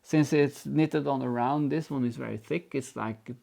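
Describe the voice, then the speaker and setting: A man co-hosts a knitting show, chatting with enthusiasm and laughing easily while he explains his work. His mid-range voice is gravelly and mellow, at a moderate pace.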